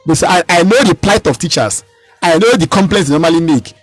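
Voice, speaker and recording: A Nigerian man in his thirties talks at a rapid clip, pressing his points hard and circling back over his own words. His voice sits high and has a slightly husky grain, recorded close and dry on a radio mic. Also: lively intonation, dry recording, soft background music, poor audio. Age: 30s. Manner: emphatic, repeats and restarts phrases. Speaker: political candidate. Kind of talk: radio interview.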